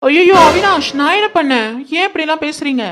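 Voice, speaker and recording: A woman's voice: sits high, lively intonation, fast, noisy background. A woman playing a whiny, scheming young bride-to-be in a family drama. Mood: fretful. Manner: whiny, fretful.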